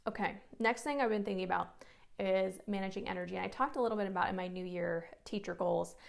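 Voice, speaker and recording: A woman's voice: mid-range voice, fast, creaky. A woman music teacher talking casually to camera about classroom management, chatty and full of fillers, acting out what she says to students. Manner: chatty, lots of "like", acts out classroom dialogue.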